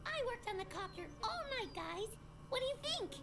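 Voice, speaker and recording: Squeaky, excitable little cartoon boy. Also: moderate pace, creaky, full character voice. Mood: proud, excited. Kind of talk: cartoon audio drama acting. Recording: loud background music.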